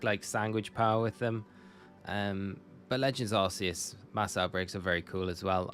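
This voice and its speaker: A young man from Northumberland, England chats with viewers on a live stream, rambling casually and correcting himself. His voice is on the low side and a bit bright, with slight background noise.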